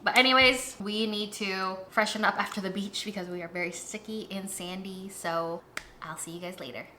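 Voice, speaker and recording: A young woman talks casually to her camera, upbeat and quick to laugh. Her voice sits at an ordinary middle pitch. Faint noise hums behind her. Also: fairly even intonation, sharp tone. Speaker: vlogger. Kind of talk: casual vlog chat.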